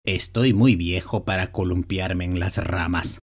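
A man voicing a weary old man in a read-aloud storybook, talking slowly and heavily. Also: sits low, steady tone, slightly rough, pitched below the performer's own voice, heavily acted. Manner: slow, tired, heavy.

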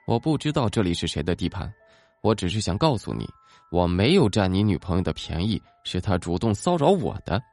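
A man voicing a calm, physically weak male student who explains himself matter-of-factly. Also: sits low, a little fast, no echo, faint music behind, exaggerated voice.

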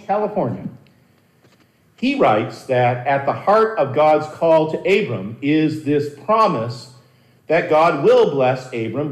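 Male pastor, sermon, earnest, dramatic pauses, fairly high voice. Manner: animated and earnest, with dramatic pauses and word repeats. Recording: roomy echo.

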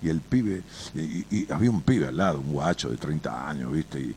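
A rumbling low, creaky voice at normal speed carries this Argentine radio host's advice, with slight background noise behind it. He tells a caller folksy stories in a blunt, colloquial, swear-filled way, animated and speaking directly to the listener.

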